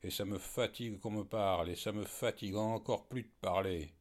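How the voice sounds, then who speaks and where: Guy putting on a wild hermit poacher, yelling, louder and higher than the narrator. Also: steady tone, normal speed, close to an everyday voice. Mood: weary. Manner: shouting, insulting. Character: furious wild poacher man, hermit in a tree.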